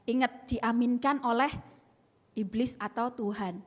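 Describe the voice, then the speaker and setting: A young woman with a high, bright-pitched voice delivers an earnest testimony sermon. She tells her story with emphasis and acts out both sides of the conversations. Her voice rings with long reverb through a large hall. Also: fairly even intonation, slow. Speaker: speaker sharing a testimony.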